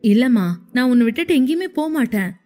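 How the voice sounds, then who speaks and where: A woman's voice: high-pitched, expressive, fast talker, mellow. A woman narrator voicing a caring young husband who speaks in a soothing, reassuring way.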